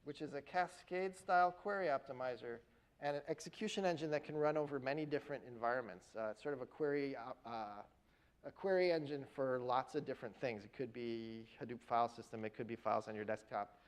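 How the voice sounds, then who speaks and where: A man giving a university lecture in a classroom, his voice pitched in a middle register. He walks through the material step by step and keeps checking in with the students. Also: brisk, rough recording. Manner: explains step by step, often checks in with "right?" and "okay?". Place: lecture hall.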